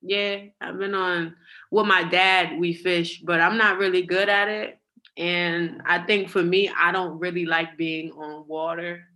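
A woman from Connecticut, a professional athlete, answering interview questions in an easygoing, unhurried way. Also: fairly low pitch, level tone, pushed and bright. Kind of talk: casual interview.

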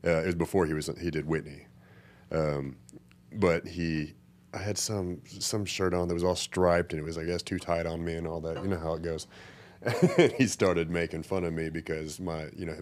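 A man's voice: deep voice, steady tone, normal speed, a little hiss or hum. A man appearing as a podcast guest, talking casually and easily agreeing and laughing along. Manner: laid-back, frequent agreeing, laughs along. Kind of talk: casual chat.

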